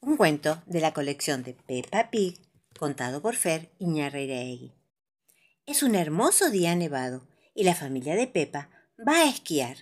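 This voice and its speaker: A woman narrating children's stories aloud in an expressive, animated reading. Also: low voice, moderate pace. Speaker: storyteller.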